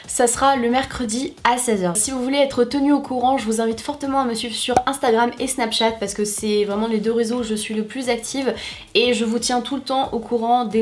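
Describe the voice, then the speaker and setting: Young woman youtuber rambling to her viewers, slightly high voice, lots of fillers. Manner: chatty, lots of fillers and restarts. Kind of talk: casual talk to camera.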